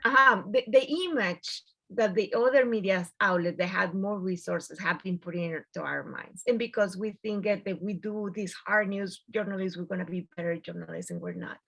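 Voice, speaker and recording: A woman's voice: mid-range voice, normal speed, gravelly, few pauses, fairly bright tone, poor audio. A woman with a Mexican accent, a native Spanish speaker, talking informally on a panel as a journalist and slipping Spanish words into English in a Spanglish manner. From US-Mexico border region. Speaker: journalist and producer.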